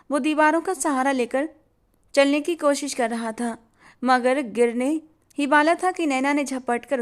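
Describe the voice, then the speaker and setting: Fairly high-voiced woman storyteller. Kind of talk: scripted story narration.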